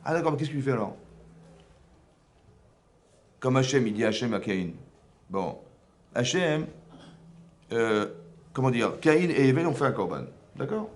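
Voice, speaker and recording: Male rabbi, religious lecture to a class, lively rhetorical questions, faint background noise. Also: medium pitch, a little slow, pauses often. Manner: animated, full of rhetorical questions. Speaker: rabbi teaching a women's class.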